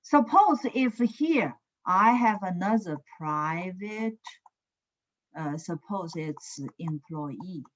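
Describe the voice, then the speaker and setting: A woman lecturing in an online class, heard through a screen recording. She talks slowly, often checks "is it?" and fills gaps with "uh". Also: fairly low pitch, lively intonation, muffled recording, slight background noise. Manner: slow, with frequent "is it?" checks and "uh" fillers. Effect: screen-recorded online lecture audio. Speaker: computer science lecturer. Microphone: computer mic on a video call.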